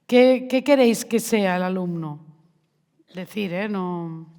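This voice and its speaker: Speaking slowly in a mid-range, darkish voice, a woman who speaks on math education gives a conversational conference talk to teachers. She often puts questions to the audience in a large, reverberant hall.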